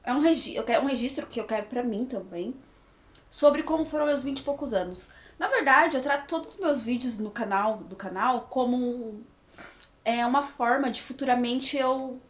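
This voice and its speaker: A woman in her thirties chatting to camera in a rambling, casual way, with frequent restarts and check-ins. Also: on the high side. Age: 30s. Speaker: vlogger. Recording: echoey room, slightly dull lo-fi sound.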